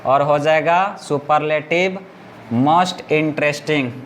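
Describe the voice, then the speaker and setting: A male teacher works through a grammar lesson with his class, saying words over slowly and often asking if the students got it. He speaks a little high, and there's a faint hiss or hum.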